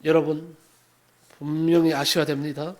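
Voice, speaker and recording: Male pastor, high-pitched, dramatic sermon delivery with sharp swings in volume. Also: little pitch movement, normal speed. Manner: dramatic preaching, swings from loud exhortation to hushed asides.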